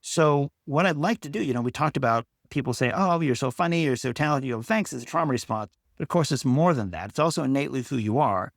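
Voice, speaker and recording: A man hosting a podcast, leading into a question thoughtfully and gently. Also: medium pitch, lively intonation, quick pace, gravelly, hardly any pauses, no echo, studio quality. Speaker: podcast host. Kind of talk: conversational interview.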